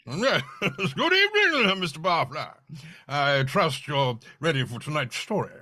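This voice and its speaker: A man voicing a blustery, chuckling older gentleman doctor, easily flustered as he narrates in 1940s radio play style. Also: fairly high pitch, big pitch swings, measured pace, no echo, studio quality, heavily acted. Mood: jovial. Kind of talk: 1940s radio acting, read live.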